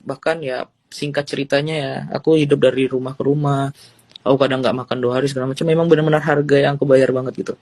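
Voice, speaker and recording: A young man from Indonesia giving a personal testimony, telling his story with emotion and halting restarts. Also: mid-range voice, steady tone, darkish tone, no echo. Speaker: guest giving a conversion testimony.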